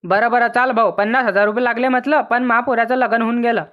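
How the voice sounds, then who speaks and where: A bossy, scolding cartoon village mother, put on by a man with a high, thin voice. She barks orders and grumbles at everyone around her. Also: level tone, fast, muffled recording. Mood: grumbling. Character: nagging older village mother, sharp-tongued.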